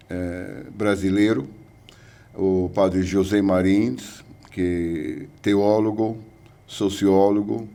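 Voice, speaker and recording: A man's voice: on the low side, dark tone. An older man from the United States with an American English accent, a guest professor speaking hesitantly with many fillers in an interview. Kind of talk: interview conversation.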